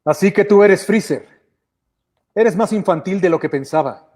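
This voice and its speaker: A man's voice: high voice, normal speed, a little mellow, pitched above the performer's own voice. A man voicing a bold, defiant alien warrior hero from a cartoon, challenging his enemy, in a heavily echoing, distant recording. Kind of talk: cartoon hero dub parody. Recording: heavy echo, distant sound.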